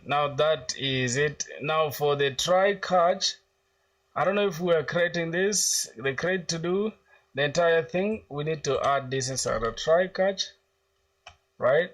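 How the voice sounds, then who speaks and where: A man's voice: fairly high pitch, measured pace, a bit bright, recorded from a distance. A young man from South Sudan live-streaming his coding, thinking aloud as he types and reading viewers' chat questions aloud in casual slang. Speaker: coding livestreamer.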